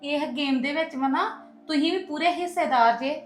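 A woman's voice: high-pitched, normal speed, faint music behind, natural voice. An actress playing a tired mother-in-law who soothes and argues back. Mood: defensive. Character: placating older mother, weary and defensive. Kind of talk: web drama acting. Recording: echoey room.

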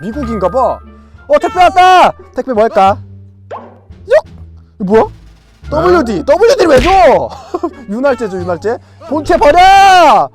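A VR game YouTuber giving excited gameplay commentary, loud and playful, yelling at the characters in the game. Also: high voice, moderate pace, pauses often, soft background music.

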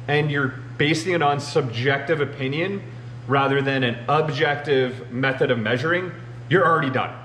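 A machinist show host in his thirties talks straight to the camera across a large machine shop, casually explaining shop matters and saying "you know" a lot. His voice is fairly high and a bit bright, and the room sounds spacious with a faint hum underneath.

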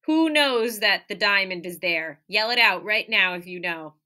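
At a normal speed, with a mid-range voice that's bright and forceful, a woman in her thirties gives an animated children's picture-book reading. She's an elementary teacher who emphasizes key words, tosses in asides and prompts her young audience with questions, in a small indoor room by a window.

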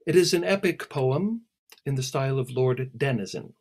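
A man reading aloud and voicing a haughty, contrary young mermaid girl, bossy and careless in manner, with a slightly husky voice. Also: mid-range voice, animated, normal speed, a little mellow.

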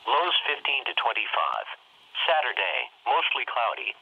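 A man reading an automated weather broadcast in an even, measured way, heard over a weather radio. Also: mid-range voice, husky, no room sound. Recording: muffled radio speaker with static hiss.

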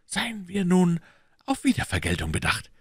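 A man's voice: sits high, wildly swooping pitch, normal speed, husky, dry recording, studio quality, pitched above the performer's own voice, heavily acted. A man voicing an imperious, scheming older cardinal who questions sharply, in a storybook reading. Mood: urgent. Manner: sharp, probing interrogation.

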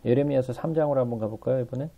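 Guy preaching a bible study, gravelly voice, keeps asking the room questions, kinda muffled recording. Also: medium pitch, racing. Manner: emotional, pleading delivery. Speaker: Bible teacher.

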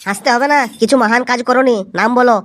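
A woman's voice: on the high side, a bit bright, a little hiss or hum. A woman voicing an impatient clinic compounder in a cartoon, bossy and snappy. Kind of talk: cartoon voice acting.

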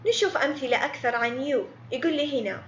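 A woman's voice: high-pitched, fast, fairly bright tone, reverberant, highs cut off, a little hiss or hum. A woman teaching a beginner English grammar lesson online, patiently repeating words and quizzing students by name.

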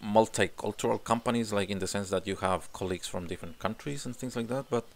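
With a lowish, creaky voice, a Chilean man in his forties talks fast as he records answers to interview questions, and there is slight background noise. He is an English teacher applying for a job, speaking English with a Chilean Spanish accent into a desk condenser mic in frame. Guitars hang on the wall of the home room, and he tends to repeat words while groping for them.

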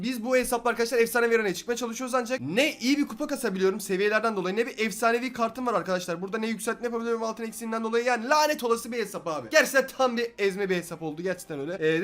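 Excitable high-voiced young man, rapid-fire. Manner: excitable, swings from shouting to muttering. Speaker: gaming YouTuber. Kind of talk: excited gameplay commentary.

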